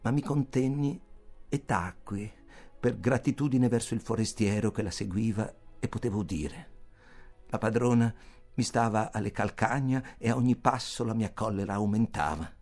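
A man narrating a literary novel as an audiobook, reading expressively and theatrically and sinking to a hushed murmur in darker passages. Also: on the low side, normal speed, faint music behind. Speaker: audiobook reader.

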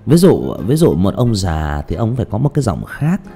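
A man's voice: on the low side, huge pitch swings, normal speed, mellow. A man hosting a casual livestream, rambling with frequent restarts and repeated words. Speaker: livestream host and ghost story reader. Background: faint background music.

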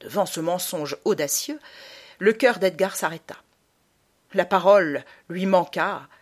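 A woman narrating a literary audiobook in a measured, subdued storytelling manner. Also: lowish voice.

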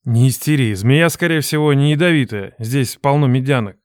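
A cocky young lifeguard with a low, rough-edged voice, as a woman narrator puts him on, drawling mockery at a frightened girl in an audiobook. He sounds teasing and condescending, and the voice is close and dry. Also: normal speed, no room sound. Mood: smug teasing. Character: mocking, brash young male lifeguard.

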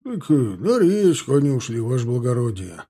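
A man doing a loud folksy army orderly. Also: mid-range voice, big pitch swings, normal speed, slightly rough. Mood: eager. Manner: loud, folksy servant's talk. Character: older male army orderly, folksy and eager.

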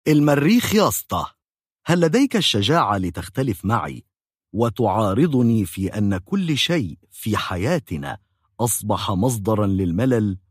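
A man's voice: on the low side, sing-song, moderate pace, husky, no room sound, studio quality. A man with an Egyptian Arabic accent telling a comic first-person story in a mock-dramatic, exaggerated way.

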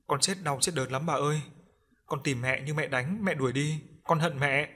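A man's voice: fairly high pitch, normal speed, sharp tone. A man voicing the ghost of a beaten baby boy, pleading and sobbing in a raised voice.

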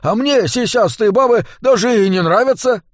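A man's voice: very high-pitched, moderate pace, no room sound, studio quality, pitched above the performer's own voice. A man voicing a grumpy, defensive male dwarf agent who whines. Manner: whiny and defensive.

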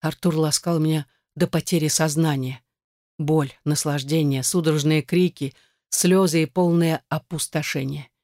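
A man reading a first-person erotic novel aloud in a steady, intimate narration. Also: fairly high pitch, normal speed, no room sound, studio quality. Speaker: audiobook reader.

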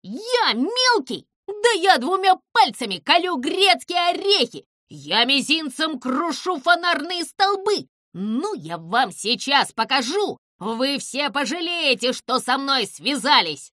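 A woman's voice: very animated, takes it slowly, hardly any pauses, no room sound, clean studio sound, full character voice. A woman reading a storybook aloud, voicing a small, boastful male alien villain who shrieks and whimpers. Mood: boastful threats. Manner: shrill, yelling, boastful then whimpering.

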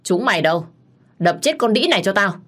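A woman's voice: on the low side, lively intonation, normal speed. A woman voicing a furious, scornful middle-aged wife who hurls threats at her rival.

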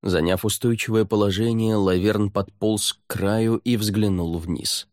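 A man reads audiobook narration in a very low, steady, measured voice. The sound is close and dry, with no room around it. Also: no echo. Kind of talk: scripted narration.

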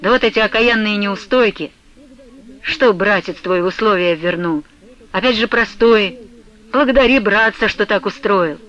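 A woman's voice: medium pitch, normal speed, fairly bright tone, lo-fi sound, close to an everyday voice. A woman reading an audiobook, voicing a cold, evasive young man who talks grudgingly. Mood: grumbling.

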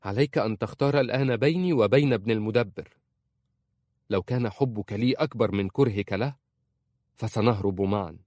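A man reading aloud and voicing a proud, stubborn young wife in a raised, higher voice. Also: brisk, pauses often, warm tone, no echo, clean studio sound. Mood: demanding.

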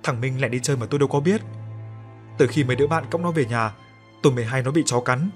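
A man's voice: mid-range voice, fast, soft background music, close to an everyday voice. A man voicing a frightened old grandmother in a ghost story, stammering and tearful.

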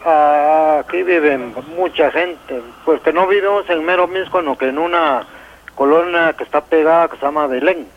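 Fifty-something man, Guatemalan accent, slightly high voice, hesitant and polite, tinny phone sound. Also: normal speed. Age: 50s. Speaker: caller. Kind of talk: phone-in chat. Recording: phone-like radio line.

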